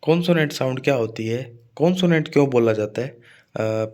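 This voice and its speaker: A man's voice: mid-range voice, moderate pace, darkish tone. A man teaching an exam-preparation phonetics lecture in a casual classroom manner, often checking in with his students as he explains.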